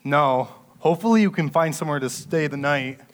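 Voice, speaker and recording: A man playing Joseph, a caring young husband in a church nativity play, speaking gently and reassuringly. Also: a little high, a little fast, close to an everyday voice.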